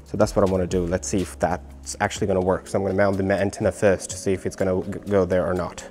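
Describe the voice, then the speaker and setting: Fast-talking and deep-voiced, this Australian man keeps a level tone while music plays in the background. He's a vlogger explaining a DIY car radio install in a casual, informal way, thinking aloud as he goes.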